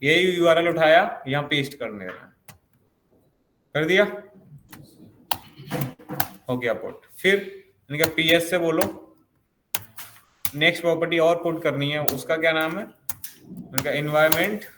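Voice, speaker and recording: Speaking on the high side with a measured pace and long pauses, this programming instructor works through a coding lesson step by step. He keeps asking himself questions as he goes, and the room is echoey with a faint hiss of noise.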